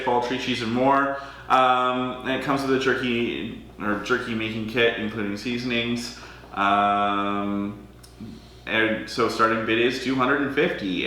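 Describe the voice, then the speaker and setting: A man's voice: medium pitch, sharp tone, a little hiss or hum. A young man from Alberta, Canada, hosting a charity auction on a livestream, chatty and self-deprecating, often hesitating with ums. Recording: very echoey room.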